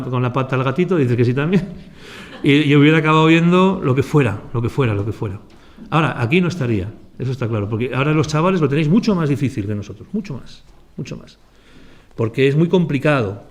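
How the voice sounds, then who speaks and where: A man's voice: medium pitch, a little mellow. Man giving a conversational talk. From Aragon, Spain. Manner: conversational, addresses listeners directly, rhetorical questions. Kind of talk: motivational talk to students.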